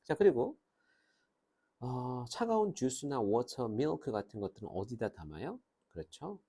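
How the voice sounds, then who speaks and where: A man teaching English grammar in a lively lecture, pausing to say English phrases slowly and clearly. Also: mid-range voice. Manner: animated, switches between Korean and slow, drawn-out English phrases.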